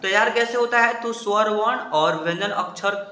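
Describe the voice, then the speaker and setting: A man from India teaching a spelling lesson, slowly spelling out syllables and explaining patiently. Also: high-pitched, pushed and bright, reverberant. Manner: slow repeated spelling-out, explanatory.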